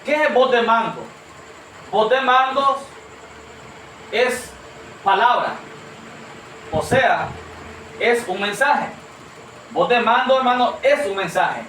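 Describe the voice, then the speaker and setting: A man's voice: extremely high pitch, lively intonation, takes it slowly, pauses often, fairly bright tone, slight background noise. A man preaching a sermon to a congregation, earnest and questioning, calling them brother. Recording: echoey room from far off.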